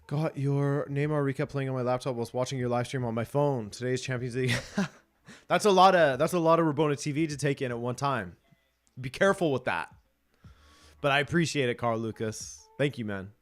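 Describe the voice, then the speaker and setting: Man, stream host, casual chat, chuckles, mid pitch, soft music underneath. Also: brisk. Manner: reads viewer comments aloud and chuckles. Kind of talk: casual live watch-along chat.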